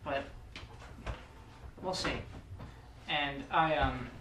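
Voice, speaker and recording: A man's voice: medium pitch, fairly even intonation, extremely slow. A man playing a tabletop game in a casual, hesitant way, recorded far from the mic in an echoey, noisy room. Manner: hesitant, fillers. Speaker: player.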